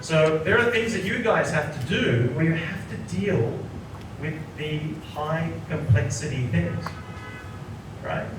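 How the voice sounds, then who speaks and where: A man's voice: on the high side, animated, takes it slowly. A man in his forties, from Sri Lanka, a psychologist giving a workshop lecture who keeps checking in with the audience by asking "right?". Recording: echoey room, voice from a distant mic, noticeable background noise.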